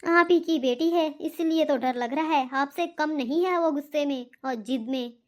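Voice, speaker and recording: A woman's voice: sits high, normal speed, a little mellow, close to an everyday voice. A woman voicing an anxious, pleading middle-aged mother in a cartoon. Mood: worried. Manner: pleading, worried. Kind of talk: cartoon voice acting.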